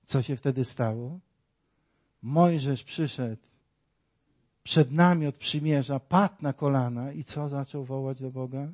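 A man's voice: medium pitch, fairly even intonation, slow, a little mellow. A man preaching a sermon, dramatic and full of rhetorical questions, acting out the voices in his story.

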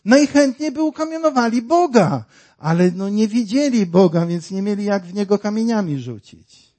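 A man's voice: sits high, lively intonation, normal speed, dark tone. A man preaching a sermon, dramatic and full of rhetorical questions, acting out the voices in his story.

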